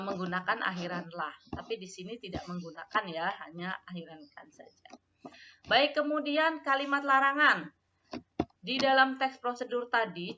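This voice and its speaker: A woman's voice: mid-range voice, pushed and bright. A woman teacher giving a patient lesson, addressing her students, asking them questions and repeating the key terms. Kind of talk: classroom lesson. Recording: dull lo-fi recording.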